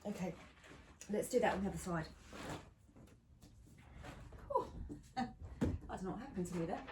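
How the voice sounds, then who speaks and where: A woman instructor leading a pilates class, counting down reps and giving steady step-by-step cues. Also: medium pitch, moderate pace, noisy background. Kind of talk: guided exercise class cueing. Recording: echoey room from a distance.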